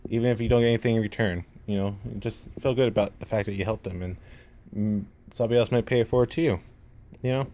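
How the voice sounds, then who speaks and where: A fairly low, steady, mellow male voice carries this casual gaming vlog, shot to camera at home. The YouTuber introduces himself in a rambling, self-deprecating way, with a lisp that lengthens and lightly slurs his S sounds. Noticeable room noise can be heard.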